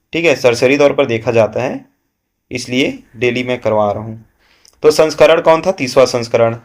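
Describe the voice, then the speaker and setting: Coaching teacher quizzing his class. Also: mid-range voice. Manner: question-and-answer teaching, frequent "है ना" and "ठीक है" checks. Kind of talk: current affairs lesson.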